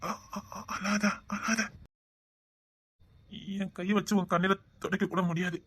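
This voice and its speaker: A woman acts out a wounded husband from the Tirunelveli area, bashful and tender with his wife. The voice is husky and pitched in the middle. He keeps his words soft and gently reassuring. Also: fairly even intonation, slow pace, dry recording. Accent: Tirunelveli Tamil.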